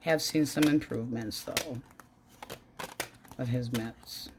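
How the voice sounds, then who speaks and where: A woman giving a casual tarot reading, talking bluntly and chattily, swearing now and then and jumping up in pitch. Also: slow pace, background noise. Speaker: tarot reader.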